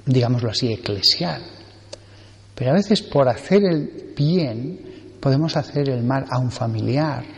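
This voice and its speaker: A man from Spain preaching a sermon as a priest, slow and earnest, repeating phrases for emphasis. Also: medium pitch, a little mellow, long reverb tail. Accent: Spanish from Spain.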